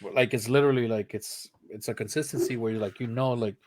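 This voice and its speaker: A man's voice: medium pitch, quick pace, darkish tone, dry recording. A young man co-hosting a podcast, talking loosely, swearing casually and mixing in Spanish. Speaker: podcast co-host. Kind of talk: casual chat.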